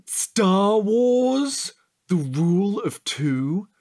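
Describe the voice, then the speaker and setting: A male actor in a comic audio drama plays a chatty, excitable, needy sidekick who rambles eagerly and theatrically. His high voice is very slow and heavily acted, sounding excited and nerdy.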